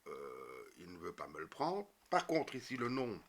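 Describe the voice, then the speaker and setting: Guy walking thru code, low voice, pitch bouncing around a lot, keys clacking behind. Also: wildly swooping pitch, unhurried. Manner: explanatory, with many fillers and self-corrections. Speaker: programming tutorial teacher. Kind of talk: screen-recorded coding tutorial.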